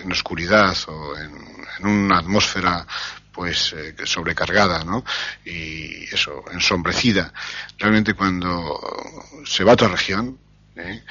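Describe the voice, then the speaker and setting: Low husky man, thoughtful interview guest, hesitant and searching, bright edge. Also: highs cut off. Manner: slow, thoughtful, with frequent hesitations. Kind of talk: reflective interview answers.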